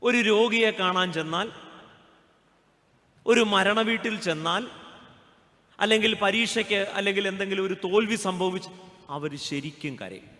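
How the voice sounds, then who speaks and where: A man's voice: high voice, a little slow, long pauses, sharp tone. A man preaching a sermon as a pastor, joking and asking his congregation questions. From Kerala, India. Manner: humorous, asks the congregation questions. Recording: long church hall reverb.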